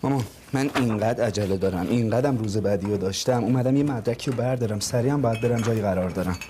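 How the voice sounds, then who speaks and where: A man's voice: lowish voice, lightly acted. An actor playing a stubborn, proud young man who answers his family curtly and defiantly. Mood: hurried. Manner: curt and defiant. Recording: background noise.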